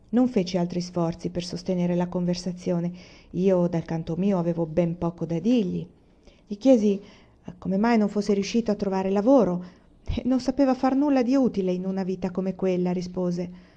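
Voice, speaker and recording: A woman reading a novel aloud as an audiobook narrator, calm and measured, in a lo-fi recording. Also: fairly low pitch. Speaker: reader.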